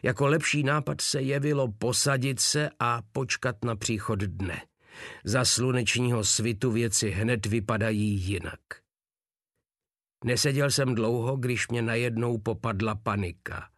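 A man narrating a war novel as a first-person audiobook, in an even, measured reading. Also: mid-range voice, no echo, studio quality.

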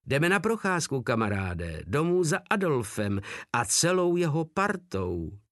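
Brief: man voicing a coarse, jeering giant soldier, pitched well above his own voice, loud. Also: big pitch swings, dry recording, studio quality. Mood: mocking. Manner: coarse, mocking, swearing. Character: huge crude male soldier, cheerfully brutal.

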